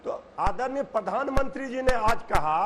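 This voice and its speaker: A man's voice: very high voice, animated, normal speed, slight background noise. A man arguing combatively as a party spokesperson in a heated TV debate, talking over others. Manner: combative, pleading then shouting over others.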